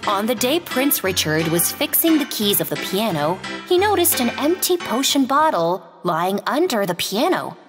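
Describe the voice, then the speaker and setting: A woman narrating a children's fairy tale in a gentle, expressive read-aloud manner. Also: a little high, normal speed, few pauses, long reverb tail, faint music behind. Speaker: storyteller.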